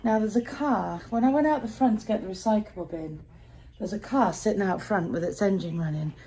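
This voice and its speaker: A woman's voice: mid-range voice, a little fast, warm tone, husky. A woman chatting casually to her viewers in a daily vlog, talking to them directly. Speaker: vlogger.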